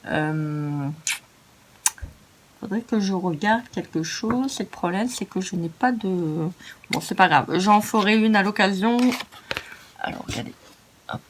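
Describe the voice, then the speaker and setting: A woman's voice: mid-range voice, unhurried, pauses often, a little hiss or hum. A French-speaking woman hosting a crafting tutorial, chatty and self-mocking as she narrates each step. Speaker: craft video host.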